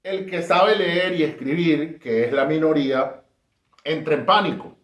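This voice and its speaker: A man's voice: fairly high pitch, a little slow, fairly bright tone. Emphatic Colombian man in an echoey room. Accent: Colombian Spanish. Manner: emphatic, repeats phrases for effect. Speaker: history commentator. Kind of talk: casual spoken history talk.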